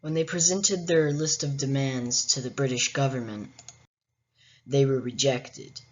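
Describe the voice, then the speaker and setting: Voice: medium pitch, fairly even intonation, unhurried. Wry history explainer host, muffled recording. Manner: wry, joking asides. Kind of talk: casual narrated history explainer.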